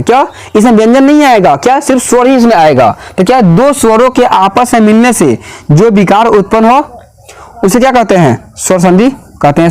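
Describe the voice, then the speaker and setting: A man whose voice sits high is teaching grammar to a class. He fires off question after question and repeats each response back to the students.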